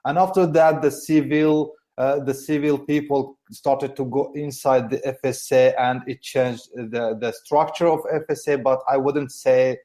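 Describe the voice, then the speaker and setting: A man from Syria with a Syrian accent, answering interview questions in halting English full of fillers and restarts; Kurdish is his first language. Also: medium pitch, fairly even intonation, warm tone. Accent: Syrian Arabic. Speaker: guest journalist.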